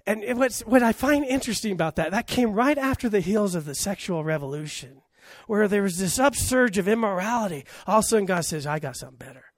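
A man's voice: high voice, lively intonation, fairly quick, dry recording, clean studio sound. A man preaching a sermon as pastor, emphatic and full of rhetorical questions, his volume rising and falling.

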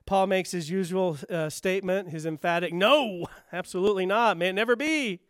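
A male pastor preaching a sermon, driving home rhetorical questions with emphasis, then dropping low and quiet. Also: moderate pace, clean tone, dry recording, clean studio sound.

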